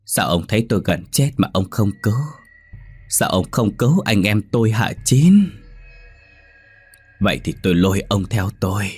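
A man's voice: fairly low pitch, expressive, normal speed, pauses often, a little mellow, slightly rough, soft background music. A man voicing a cruel, vengeful ghost of a drowned woman in a spoken horror story, menacing and taunting. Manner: cackling, menacing.

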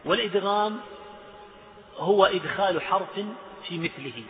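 In an echoey hall captured through a tinny line with a bit of hiss or hum, a sheikh with a slightly high voice leads a lesson on Quranic recitation rules at normal speed. He walks the class through the rules, repeats examples, chants verses, and puts questions to his students.

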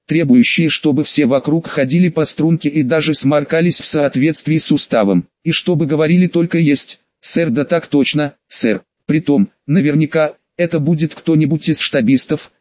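A man's voice: on the high side, moderate pace, a little mellow, no room sound, muffled recording, natural voice. A man reading the part of a wisecracking male starship pilot, chatty and joking.

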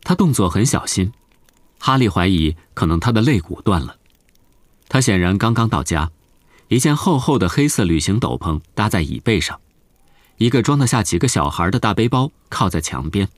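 A man narrating a novel as an audiobook in a steady storytelling manner. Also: lowish voice, normal speed, dry recording.

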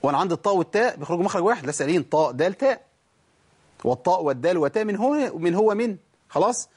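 A man's voice: high voice, lively intonation, racing, a little mellow, breathy edge. A man with an Egyptian accent teaching Quran recitation, asking questions and answering them himself, and repeating words to show how letters sound. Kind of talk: recorded recitation lesson.

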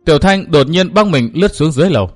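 A man narrating an audiobook of a martial-arts novel in a steady, measured delivery. His voice sits a bit high for a man. Quiet music runs under the reading. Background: faint background music.

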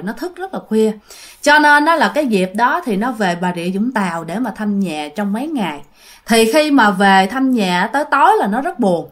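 A woman's voice: on the high side, fairly bright tone. Chatty woman telling ghost stories. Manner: chatty, addresses listeners directly. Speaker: storyteller and channel host. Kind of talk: spoken ghost story narration.

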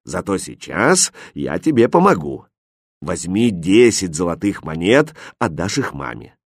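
A man doing a gentle, low-voiced old gentleman. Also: very animated, unhurried, slightly rough, dry recording, clean studio sound, full character voice. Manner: gentle, soft-spoken and low. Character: kind tall elderly gentleman stranger. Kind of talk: storybook reading.

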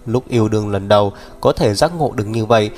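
Một người đàn ông đọc truyện audio, giọng đều đặn, kể chuyện theo kịch bản. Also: male voice, fairly low pitch, quick pace, darkish tone. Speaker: audiobook narrator. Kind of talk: scripted narration. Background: faint music.

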